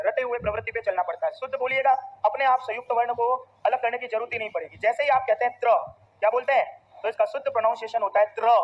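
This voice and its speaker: High husky male Hindi teacher. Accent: Rajasthani Hindi. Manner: repetitive, asks and answers his own questions. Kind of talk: classroom grammar lesson. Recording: dull lo-fi recording.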